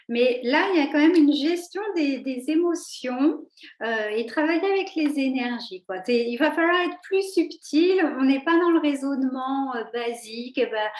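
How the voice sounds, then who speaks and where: A woman giving a casual tarot reading, rambling with many fillers and restarts. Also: high voice. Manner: chatty, talks to her cat in a cooing voice. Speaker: tarot reader. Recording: echoey room.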